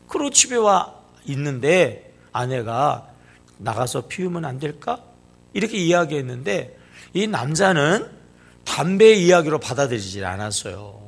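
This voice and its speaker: A man's voice: a little high, creaky, slightly rough. A male pastor preaching a sermon, speaking emphatically, acting out quoted speech and prompting the congregation to answer. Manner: emphatic, asks the congregation questions and prompts replies; acts out quoted speech in changed voices. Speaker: senior pastor.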